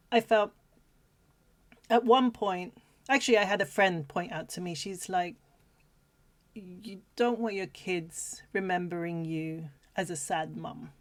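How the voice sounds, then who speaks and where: A young woman co-hosting a casual chat, speaking reflectively and haltingly. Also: fairly low pitch. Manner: halting, many fillers and restarts, reflective. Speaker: podcast co-host.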